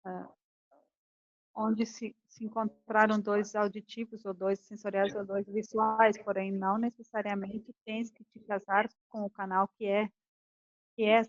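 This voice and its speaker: A woman's voice: mid-range voice, unhurried, no room sound, dull audio. A woman teaching a class on communication, acting out couples' arguments as she explains. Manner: animated, acts out quoted couples' arguments. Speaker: communication coach. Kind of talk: lecture to a class.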